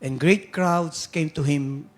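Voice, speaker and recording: A man with a Filipino accent preaching a sermon as pastor, switching between Tagalog and English and rising at times to shouts. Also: a little high, slow pace. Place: church sanctuary.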